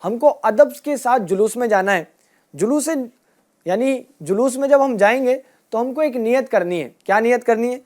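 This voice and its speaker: عورت بچوں کا سبق، سوال پوچھ کر جواب دہراتی ہے، مائیک بچوں میں گھومتا ہے. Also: female voice, a little high, animated, darkish tone. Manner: asks a question, then repeats the answer back. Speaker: children's religious teacher. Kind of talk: teaching children with call-and-response questions. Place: room with children and a passed microphone.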